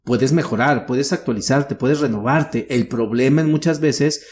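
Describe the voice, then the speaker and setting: A man's voice: mid-range voice, moderate pace, a little mellow. A middle-aged man with a Mexican accent, a guest telling personal family stories in a frank, earnest way with casual swearing. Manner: frank and earnest, slips into acted quotes of relatives, casual swearing. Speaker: guest, workshop speaker. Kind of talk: candid conversational storytelling.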